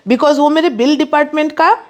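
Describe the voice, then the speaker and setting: A woman with a high, light voice runs a live saree sale. She rattles off prices and repeats her calls to book fast, slipping English words into a pushy, rapid patter. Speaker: online saree seller. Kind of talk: live sales stream.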